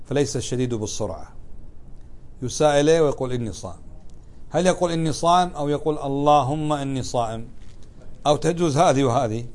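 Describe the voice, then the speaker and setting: Man, religious teacher, classroom lesson, asks and answers questions, mid-pitched voice. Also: a little mellow. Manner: asks students questions and answers them, conversational.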